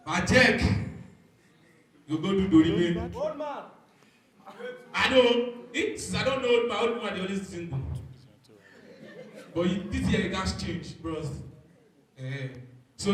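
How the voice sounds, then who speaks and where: High-pitched Nigerian stand-up comedian, echoey venue. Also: male voice. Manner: teasing, calling out to the audience. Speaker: stand-up comedian and show host. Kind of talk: crowd-work stand-up comedy, mixing English and Pidgin. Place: live comedy venue with an audience. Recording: echoey venue, distant stage sound.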